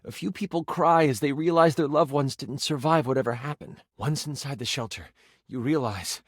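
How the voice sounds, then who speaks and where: A man with a medium-pitched voice and moderate pace plays an eager game master, a personified D20, narrating a fantasy tabletop adventure in a video game. It's lightly acted, dramatic, and expressive with aside remarks, on a dry, clean studio recording.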